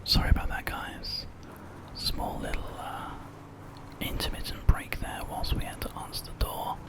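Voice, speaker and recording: Very close to the mic, a British gamer offers soft ASMR game commentary in a breathy whisper, taking his time and keeping it gentle.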